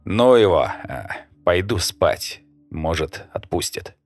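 A man's voice: sits low, very animated, slow, no room sound, exaggerated voice. A man reading an audiobook, voicing a frightened, tipsy young man who is nervous and snappy. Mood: weary. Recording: dry close mic, faint music.

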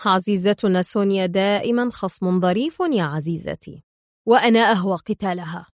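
A woman's voice: medium pitch, a little fast, no echo, clean studio sound, natural voice. A woman reading a cool mocking male spy hero. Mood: calm mocking. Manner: sarcastic, calm. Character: calm, mocking male secret agent hero.

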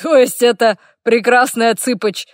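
A crude, boastful male orc, as a woman narrator puts him on. He talks loud and slow in slang, full of swagger. The reading is dry and close. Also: a little high, steady tone, no room sound, voice pushed up, natural voice. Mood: mocking. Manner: loud slangy guffawing talk. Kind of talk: audiobook character voice.

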